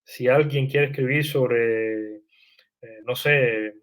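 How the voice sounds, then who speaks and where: A man's voice: mid-range voice, fairly even intonation, extremely slow. Hesitant, thoughtful man. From Cuba. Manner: thoughtful, hesitant, many restarts and "eh" fillers. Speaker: writer, interview guest. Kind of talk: reflective interview answers.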